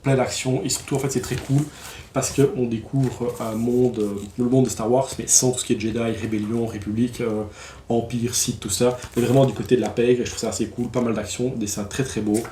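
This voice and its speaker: A man's voice: mid-range voice, level tone, a little fast, mellow, reverberant, a little hiss or hum. A man casually reviewing new comic releases, enthusiastic and slangy, with lots of fillers and restarts.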